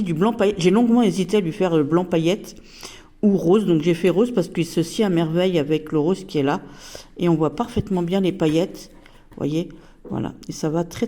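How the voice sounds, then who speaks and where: Lady showing off a tarot deck, lots of euhs, soft mellow voice. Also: fairly low pitch. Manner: chatty, hesitant, many fillers. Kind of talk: casual product review.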